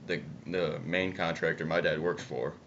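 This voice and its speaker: A man's voice: low voice, level tone, normal speed, gravelly, a bit bright. A young man chats casually and bluntly, swearing, with chewing tobacco in his lip. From upstate New York, United States. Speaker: video co-host. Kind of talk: casual political chat. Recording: muffled, noisy amateur video audio.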